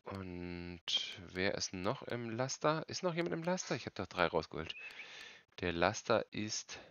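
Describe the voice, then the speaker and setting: A man's voice: lowish voice, sing-song, measured pace, a bit bright. A man in his thirties giving casual game commentary, muttering short phrases to himself, with slightly muffled sound. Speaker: game streamer.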